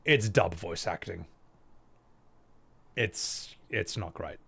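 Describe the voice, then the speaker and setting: A man's voice: low voice, expressive, slow pace, gravelly, background noise. A man streaming casual, blunt live commentary with exasperated swearing. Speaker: streamer reacting to game trailers.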